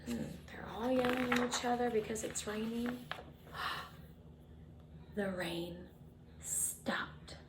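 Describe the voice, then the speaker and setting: A woman with a fairly high voice gives a children's storytime read-aloud of a picture book, sounding like a teacher against a noisy background. She reads expressively and dramatically, stretching out refrains and turning to the young listeners with chatty questions and asides.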